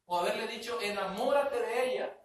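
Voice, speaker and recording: A man's voice: high voice, brisk. Man, pastor, emphatic sermon, questions to the congregation, very echoey church, distant mic. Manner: emphatic, asks the congregation questions and repeats words for stress. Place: church sanctuary. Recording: echoey hall, picked up from far off.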